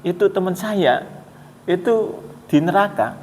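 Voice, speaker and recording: A man voicing a kind-hearted man who refuses heaven to stay with his friend, speaking softly and earnestly. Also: high-pitched, expressive, measured pace, slight background noise. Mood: earnest resolve. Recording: echoey mosque hall.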